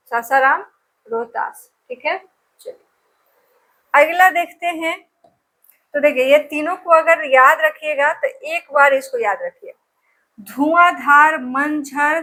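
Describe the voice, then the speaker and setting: A woman's voice: high voice, bright, forceful tone. A woman teacher giving an exam-prep lesson, drilling place names with memory tricks and repeating each answer over and over.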